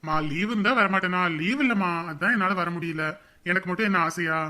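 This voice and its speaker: A man's voice: sits high, a little fast, sharp tone. An actor playing a young son working away from home, soothing and reassuring his mother. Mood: reasoning. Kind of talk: Tamil web drama acting.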